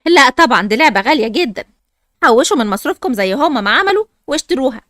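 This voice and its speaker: A woman's voice: high-pitched, very animated, rapid-fire, fairly bright tone, dry recording. A woman with an Egyptian accent playing a strict, tired mother who scolds her daughters impatiently, in a dry recording. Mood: stern. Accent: Egyptian Arabic.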